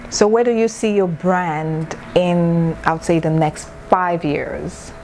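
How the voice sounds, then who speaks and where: A woman's voice: fairly low pitch, steady tone, slow pace, a little mellow, slight background noise. A woman hosting a TV fashion interview, asking brief upbeat questions. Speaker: show host.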